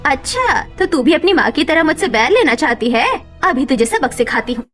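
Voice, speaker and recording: A woman's voice: high-pitched, expressive, moderate pace, soft background music. A woman voicing a cruel old village mother-in-law in a cartoon story, harsh and taunting. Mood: harsh scolding.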